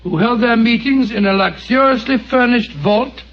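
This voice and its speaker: A man's voice: very high-pitched, moderate pace, slight background noise. Doctor Watson: bluff, fatherly storyteller. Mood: genial. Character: genial elderly male doctor, storyteller. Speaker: narrator in radio drama. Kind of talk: 1940s radio acting. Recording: dull 1940s radio recording.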